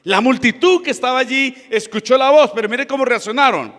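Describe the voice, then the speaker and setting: Preaching a sermon, a high-voiced man lays out the scripture in plain terms and addresses his listeners as brothers. He speaks a little fast with a fairly bright tone, and a long reverb carries his words as if through a church hall.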